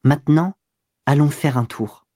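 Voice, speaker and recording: A man's voice: a little high, measured pace, dark tone, no room sound, studio quality. A narrator voicing a spirited young woman who turns cold and curt when crossed, in an audiobook reading. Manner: cold, curt, disdainful replies. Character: spirited young woman, proud, quick to anger. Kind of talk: audiobook dialogue.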